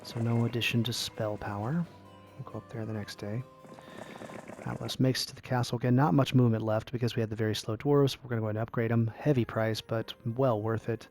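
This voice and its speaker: A man calmly explaining a strategy game step by step as a tutorial host, drifting into rambling asides. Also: mid-range voice, fast talker, soft background music. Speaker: gaming YouTuber, tutorial host. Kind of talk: casual gameplay tutorial commentary.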